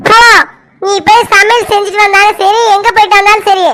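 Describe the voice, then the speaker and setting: A woman's voice: extremely high pitch, flat delivery, fairly quick, fairly bright tone. A young woman playing a stubborn young adult daughter who protests and complains in an amateur family drama. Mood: protesting. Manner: pleading, whiny protests.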